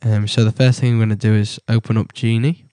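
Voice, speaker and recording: A young British man with a cold talks through a coding tutorial, stopping often with ums and likes. His voice sits low and flat with a mellow tone. The sound is dry and close. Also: clear, resonant tone, no room sound. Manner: halting, many ums and likes. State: has a cold. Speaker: tutorial presenter. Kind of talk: casual screen-recorded coding tutorial.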